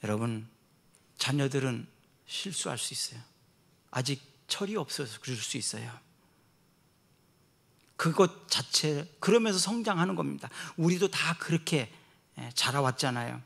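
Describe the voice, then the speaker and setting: Middle-aged male pastor, earnest sermon, swings soft to emphatic, gravelly fry. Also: mid-range voice, expressive, normal speed, long pauses.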